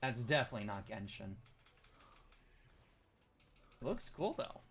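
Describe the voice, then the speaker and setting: A man's voice: mid-range voice, very animated, measured pace, gravelly, fairly bright tone, soft background music. A man streaming a game, chatting casually, reading game text aloud and thanking viewers. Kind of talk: casual live-stream commentary.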